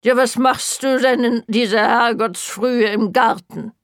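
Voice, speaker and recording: Woman reader playing a fussy, alarmist older mother in an audiobook; reproachful, slow and nagging, dry close sound. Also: on the high side, steady tone, no room sound, pitched above the performer's own voice. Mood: scolding. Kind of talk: audiobook character voice.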